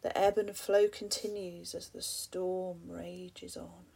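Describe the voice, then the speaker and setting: Husky, gravelly woman reading poetry. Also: on the low side, flat delivery, slow. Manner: soft, often breathy half-whisper, addressing the listener with reflective questions. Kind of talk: spoken-word poetry reading.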